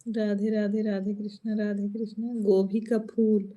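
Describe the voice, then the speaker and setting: A woman's voice: medium pitch, little pitch movement, measured pace, mellow, lo-fi sound. A woman folk singer with an Awadhi Hindi accent, chatting at home on a live stream, laughing often and answering viewer comments.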